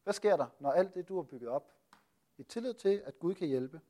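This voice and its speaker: A man's voice: a little high, expressive, dark tone. A man with a slightly raised voice gives a Bible teaching. He keeps asking rhetorical questions and stops often with hesitant fillers. He sounds like a preacher explaining a passage to his listeners.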